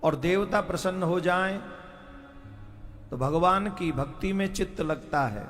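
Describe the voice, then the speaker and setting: Male devotional preacher, unhurried delivery, faint music behind him, big-tent reverb. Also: sits high, a bit bright. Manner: earnest, teasing the crowd, calls for responses. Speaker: kathavachak preacher. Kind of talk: devotional sermon to a live crowd.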